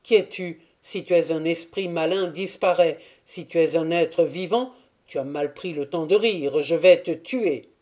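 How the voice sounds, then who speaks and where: A woman voicing a young Cossack man who speaks in loud, urgent, pressing questions in an audiobook. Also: lowish voice, lively intonation, moderate pace.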